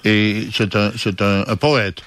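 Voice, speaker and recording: A man's voice: fairly low pitch, fairly even intonation, slow pace, fairly bright tone, dry recording. A man hosting a radio interview in a studio, affirming and repeating his guest's words. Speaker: radio host.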